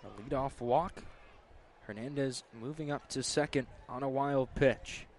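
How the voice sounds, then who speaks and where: A man's voice: mid-range voice, a little slow, darkish tone. A man calling baseball play-by-play live, in clipped, terse phrases. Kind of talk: live play-by-play sports commentary. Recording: clear outdoor ambient noise. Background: outdoor ballpark ambience.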